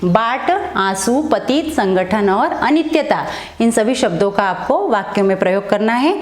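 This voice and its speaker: A woman's voice: medium pitch, lively intonation, unhurried, echoey room. A woman teaching a Hindi lesson, asking questions and answering them herself as she goes. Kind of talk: online classroom lesson.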